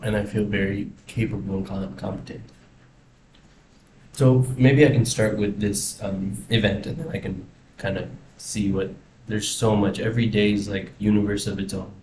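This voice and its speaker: In a rambling personal video diary shot indoors in a house, a young vlogger with an American accent talks casually and thoughtfully. His voice is on the low side, level in tone and moderate in pace, and the audio has a roomy echo with faint background noise.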